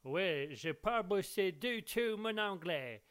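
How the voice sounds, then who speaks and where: A man's voice: sits high, expressive, slow pace, fairly bright tone, smooth. A man from Belgium, hosting a live radio show in a chatty, rambling, jokey way. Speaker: radio host. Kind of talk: casual radio presenting.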